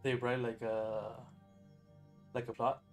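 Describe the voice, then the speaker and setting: A man's voice: medium pitch, level tone, takes it slowly. Giggly man chatting over faint music. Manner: giggly, rambling, easily amused. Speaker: guest co-streamer. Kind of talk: casual chat.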